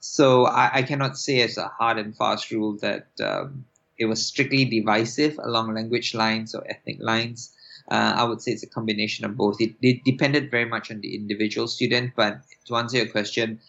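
A Singaporean man in his forties, an applied linguist, answers interview questions in a measured way, with many fillers and restarts. His voice is on the low side, gravelly and a bit bright, and the recording has a dull lo-fi sound.

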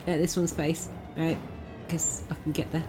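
A woman playing a tabletop game, lively and giggly, thinking aloud as she plays. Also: deep voice, normal speed, faint music behind. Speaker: player. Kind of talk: casual tabletop game chat.

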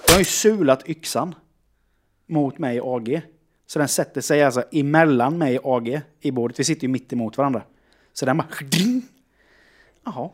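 A man's voice: mid-range voice, slight background noise. A man in a casual chat telling an anecdote, acting out what people said. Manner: animated storyteller who acts out quotes.

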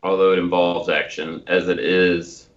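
A middle-aged American man co-hosting a casual discussion, thoughtful and halting, with some self-deprecation. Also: low-pitched, flat delivery, highs cut off. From Tulsa, Oklahoma, United States. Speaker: podcast co-host.

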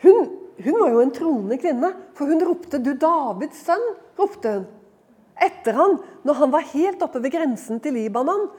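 High-voiced woman giving a devotional talk. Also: husky. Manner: lively storytelling, acts out quoted lines, swings from loud to hushed; conversational fillers, frequent laughter in voice. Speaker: speaker at a women's retreat.

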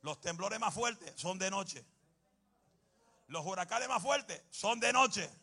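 A man preaching a sermon, animated and humorous, bursting into shouts. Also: high voice, slow pace, husky.

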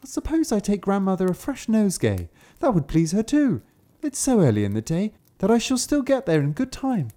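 Dude doing a squeaky innocent little girl, sing-songy, all over the place pitch-wise. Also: wildly swooping pitch, brisk, hardly any pauses, mellow. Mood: wistful. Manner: high and sing-song. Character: young girl in a red cap, innocent and trusting.

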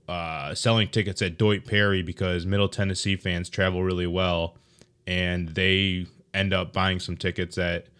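A man's voice: low-pitched, a bit bright. A man hosting a casual sports podcast, talking in a rambling, offhand way with sarcastic asides. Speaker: podcast host.

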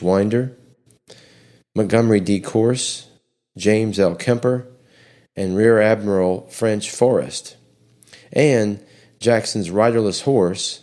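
A man's voice: lowish voice, mellow. A man hosting a history podcast, reading a scripted narration steadily, with small slips and restarts.

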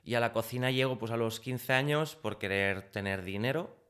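A man's voice: normal speed, fairly bright tone, clear, resonant tone. A man in his thirties from Spain, telling his story as a guest in a casual interview. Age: 30s. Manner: chatty, acts out quoted dialogue with rising pitch. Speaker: guest, pastry chef.

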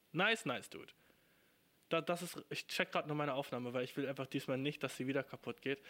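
A man's voice: medium pitch, fairly bright tone. A young man in his twenties from Germany, hosting a podcast alone, talking in a rambling casual monologue full of profanity and slang. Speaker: podcast host.

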